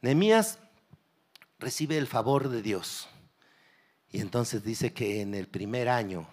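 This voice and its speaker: Emphatic pastor preaching. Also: male voice, mid-range voice, animated, slow pace, a little mellow. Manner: emphatic preaching, exhorting listeners directly. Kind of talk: sermon.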